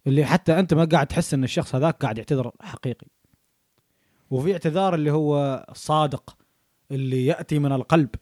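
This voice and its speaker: Fast-talking man explaining in a dry room. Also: on the high side, a little mellow, dry recording. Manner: explains points with frequent checks for understanding. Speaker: podcast co-host. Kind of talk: casual chat.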